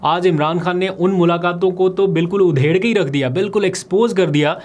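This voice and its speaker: Man giving political analysis. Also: high-pitched. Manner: brisk, explanatory, analytical. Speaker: political vlogger. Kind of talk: political commentary vlog.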